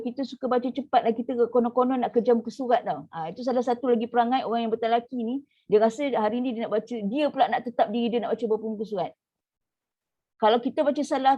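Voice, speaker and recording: A woman with a Malaysian Malay accent teaching an online tajwid class, explaining in a chatty way with many "ha" fillers and slowly modelling drawn-out recitation. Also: a little high, dull audio.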